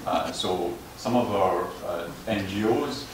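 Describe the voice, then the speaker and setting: A man's voice: deep voice, slow. A man giving a lecture on footpath management and answering questions, often stumbling and repeating words. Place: lecture hall. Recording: echoey hall, distant mic, noise.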